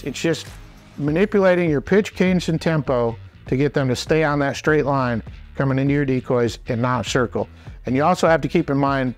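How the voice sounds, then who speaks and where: A man in his forties gives an informal, plain-spoken instructional talk to camera, explaining things in a folksy way. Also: mid-range voice. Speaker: instructor and presenter. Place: small indoor wooden workshop.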